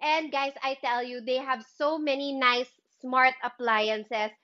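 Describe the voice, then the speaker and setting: Filipino woman in her thirties, livestream presenter: slow, bubbly sales chat, higher voice, slightly dull recording. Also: steady tone, sharp tone. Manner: slow, enthusiastic, mixes in Tagalog. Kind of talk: live sales demo chat.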